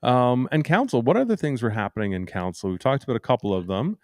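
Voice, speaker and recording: A man's voice: mid-range voice, lively intonation, fast talker, no echo, studio quality. A man hosting a casual chat, giving short agreements and reading out viewer questions. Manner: brief backchannels, reads viewer questions. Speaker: host.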